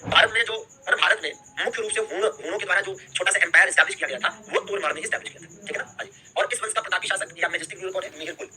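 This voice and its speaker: A man's voice: high voice, rapid-fire, few pauses, bright, forceful tone. A young man teaching a history class, repeating key terms and checking in with students after every point. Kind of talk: live online class lecture.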